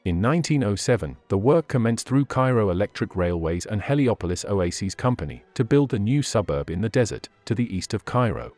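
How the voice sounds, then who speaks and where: A man reading scripted documentary narration for a walking tour, in a measured, list-by-list delivery. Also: on the low side, lively intonation, a little mellow, faint music behind.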